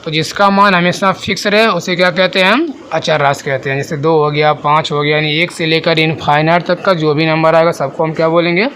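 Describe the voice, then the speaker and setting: High-voiced man teaching a math class. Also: steady tone, fairly bright tone, slight background noise. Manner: asks the class questions and answers them himself; repeats and rephrases definitions slowly. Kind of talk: classroom lesson explanation.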